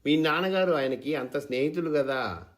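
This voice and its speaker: A man's voice: fairly high pitch, animated, normal speed, pitched above the performer's own voice, natural voice. A man voicing an anxious young village wife who asks worried, pressing questions.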